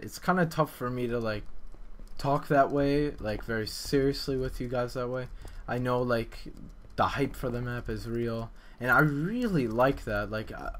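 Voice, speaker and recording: A slightly bright, mid-range male voice belongs to a map developer narrating his dev vlog. His gameplay commentary is loose and hesitant, full of rambling and self-deprecation.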